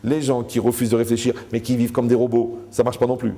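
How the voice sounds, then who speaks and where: A man's voice: medium pitch, completely flat delivery, quick pace, warm tone. A man giving a Torah lecture to a live audience, joking, asking the room questions and acting out the people he quotes.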